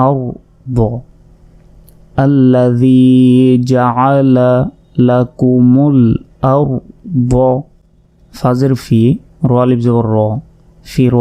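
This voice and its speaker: A middle-aged man teaches Quran reading slowly and patiently, spelling each Arabic word sound by sound. His voice is dark and mellow, and his pitch stays level and even. He explains each rule methodically, the way a teacher does in a lesson.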